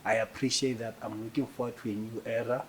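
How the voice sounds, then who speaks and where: A South African man hosts a gospel chat podcast in a relaxed, conversational way. His voice sits in an ordinary middle register for a man. He affirms and thanks his guest warmly, with plenty of nods and agreement. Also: medium pitch, fast talker, slight background noise. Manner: affirming, encouraging. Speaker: podcast host.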